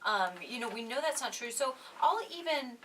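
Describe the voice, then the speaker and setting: A woman co-hosting a panel on stuttering, thoughtful and soft-spoken, with breathy trailing phrases. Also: on the high side, lively intonation, moderate pace, distant mic, slight background noise, rough recording. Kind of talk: casual panel discussion.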